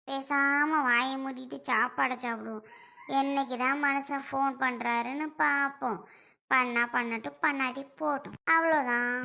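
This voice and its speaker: A woman's voice: high-pitched, creaky, pushed and bright, heavily acted. A woman playing a young wife who mutters anxiously to herself about her husband.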